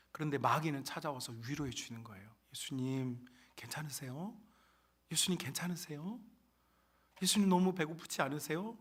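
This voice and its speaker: An emphatic male pastor preaching a sermon in a church sanctuary, his voice set fairly high for a man. He speaks straight to the congregation again and again. He drops to near-hushed phrases and then rises to strong, loud ones. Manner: emphatic, often addresses the congregation, sharp swings between soft and loud.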